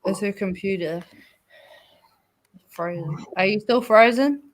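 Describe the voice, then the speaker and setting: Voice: medium pitch, slow pace. A speaker joining a casual chat on a video call, chiming in with short teasing remarks.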